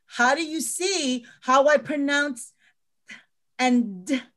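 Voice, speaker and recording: A woman's voice: high voice, drawn-out words, fairly bright tone. A middle-aged woman teacher talking earnestly in a panel discussion, often repeating words as she stresses a point.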